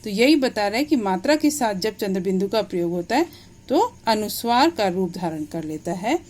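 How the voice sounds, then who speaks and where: A woman's voice: medium pitch, expressive, normal speed, a little mellow. A woman teacher giving a grammar lesson, explaining step by step and checking understanding with questions.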